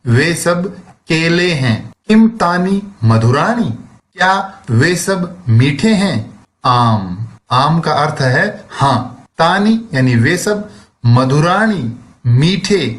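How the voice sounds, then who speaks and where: Male teacher, fairly high voice, slow and methodical lesson delivery. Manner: slow, explains word by word with translations. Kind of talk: recorded classroom lesson.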